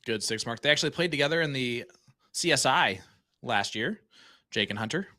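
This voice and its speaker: Joking male darts commentator, bright voice. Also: mid-range voice, expressive, normal speed, no room sound, clean studio sound. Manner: joking, banter-filled. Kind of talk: live sports commentary.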